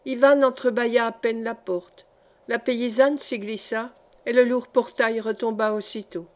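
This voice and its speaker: A woman's voice: on the high side, steady tone, normal speed. A woman narrating a short story as an audiobook reader, giving every character's lines in much the same voice.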